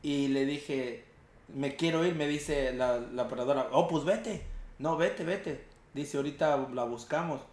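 A man's voice: medium pitch, unhurried, reverberant. Slangy young Mexican man telling a story. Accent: Mexican Spanish. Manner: animated, slangy, acts out quotes. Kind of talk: casual storytelling chat.

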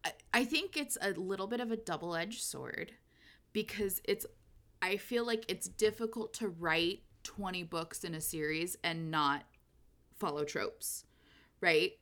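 A woman's voice: fairly low pitch, measured pace. Chatty woman co-hosting a book podcast. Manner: chatty, animated, laughs often. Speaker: podcast co-host. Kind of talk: casual book discussion.

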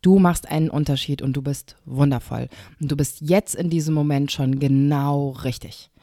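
A woman's voice: deep voice, steady tone, moderate pace, no echo, studio quality. A woman hosting a podcast, talking straight to the listener in a reassuring, encouraging way. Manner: warm, reassuring direct address. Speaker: podcast host. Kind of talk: encouraging self-help talk.

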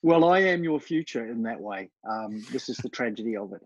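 A man's voice: medium pitch, expressive, a little fast, no room sound. Man, podcast guest, good-humoured and laughing, dull lo-fi line, dry sound. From New Zealand, raised in Australia. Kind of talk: casual interview chat.

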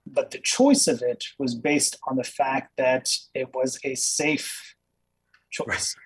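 A man's voice: mid-range voice, fairly even intonation, slow, slightly rough, low-quality recording. A man who grew up in Kenya, a dentist speaking as an interview guest over a video call, earnest and reflective with many fillers. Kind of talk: casual interview.

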